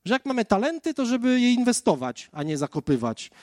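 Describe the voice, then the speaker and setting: A man's voice: very high-pitched, big pitch swings, a little fast, no room sound, clean studio sound. A man preaching a conversational sermon, telling his own testimony as a story and speaking straight to the listeners. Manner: storytelling, addressing the listeners directly.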